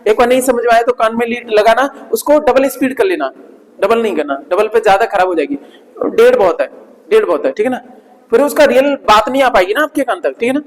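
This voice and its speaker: A male teacher giving a vocabulary lesson, repeating each word slowly for pronunciation and often adding quick check-in tags. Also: very high voice. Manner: peppers speech with "isn't it" tags. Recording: long hall reverb.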